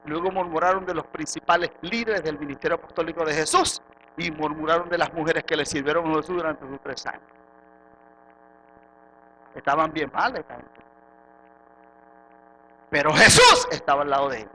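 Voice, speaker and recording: A man with a Venezuelan accent, a pastor preaching a sermon in church, swinging from soft asides to loud rhetorical questions. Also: a little high, fairly even intonation, fairly quick, a little hiss or hum, rough recording. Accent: Venezuelan Spanish. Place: church sanctuary.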